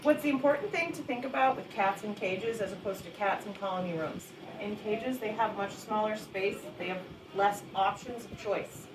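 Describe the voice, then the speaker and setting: Woman, patient instructor, soft voice, echoey, distant mic. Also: normal speed. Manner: soft and patient, high sing-song baby talk to cats. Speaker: shelter volunteer trainer. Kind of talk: instructional walkthrough. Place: animal shelter cat room. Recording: echoey room, voice from a distance, audible background noise.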